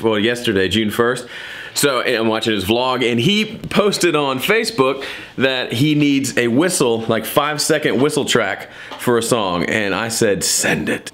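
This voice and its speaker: A man's voice: medium pitch, fairly bright tone. A man chatting casually as a vlog host in a playful, self-deprecating way, his S sounds whistling slightly through a gap in his teeth. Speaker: vlogger and podcast host.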